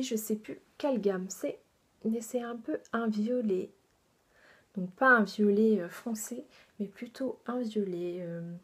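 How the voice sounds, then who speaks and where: Husky-voiced woman, soft and unhurried. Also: mid-range voice. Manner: chatty, enthusiastic, many fillers, softly half-whispered asides. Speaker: beauty vlogger. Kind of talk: casual makeup haul review.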